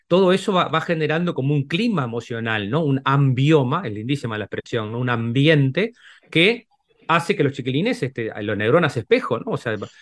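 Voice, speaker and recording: A man's voice: mid-range voice, animated, moderate pace. A middle-aged Uruguayan man with a Rioplatense accent, a psychologist guest explaining at length in casual conversation, often adding tag questions and restarting phrases. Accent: Rioplatense Spanish, Uruguayan.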